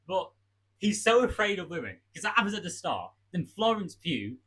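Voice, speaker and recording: A man's voice: sits high, sing-song, normal speed, a bit bright, husky, poor audio. A young man co-hosting a casual podcast at home, joking bluntly and steering the talk back on track. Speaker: podcast co-host. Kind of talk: casual chat. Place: home room with garden furniture. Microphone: cheap budget mic.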